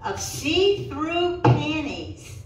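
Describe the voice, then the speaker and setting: An older female comic with a high, sing-song voice and a darkish tone performs a slow, bawdy, self-deprecating set live in a small indoor cat cafe room before an audience. She lands punchy lines between drawn-out pauses. A camera in the audience recorded her handheld mic, leaving the sound distant, roomy, and echoey with some room noise.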